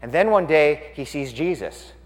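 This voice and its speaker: Animated preacher man in a reverberant hall. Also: on the high side, normal speed. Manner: animated, swings from loud exclamations to quiet explanation. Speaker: pastor. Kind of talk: sermon.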